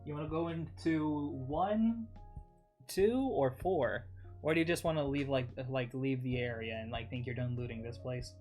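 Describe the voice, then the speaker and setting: A man's voice: medium pitch, darkish tone, soft background music. A man running a tabletop game as game master, often stopping and restarting his sentences. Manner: halting, restarts mid-sentence.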